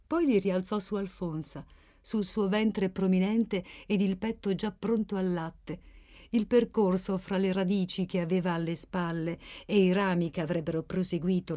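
Woman narrating a novel, calm measured reading, expressive. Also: on the low side. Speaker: audiobook narrator. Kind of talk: literary narration.

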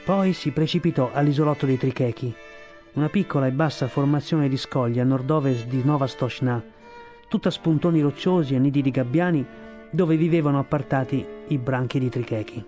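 A man reading a storybook aloud, steady storytelling narration. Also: mid-range voice, a little fast, soft background music. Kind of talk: audiobook narration.

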